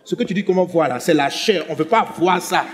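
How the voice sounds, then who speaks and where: A pastor preaching a sermon, swinging between loud emphatic lines and hushed ones. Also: male voice, high voice, fast talker, soft background music.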